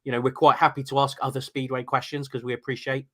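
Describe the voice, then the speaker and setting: A man's voice: mid-range voice, little pitch movement, fast talker, a bit bright. A man co-hosting a live-stream talk show, wry and earnest. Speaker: co-host. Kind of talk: casual live-stream chat.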